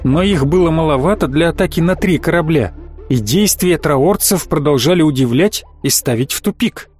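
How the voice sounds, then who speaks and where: A man narrating a science fiction audiobook in a steady, dramatic reading style. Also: fairly high pitch, normal speed, soft background music. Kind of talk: scripted narration.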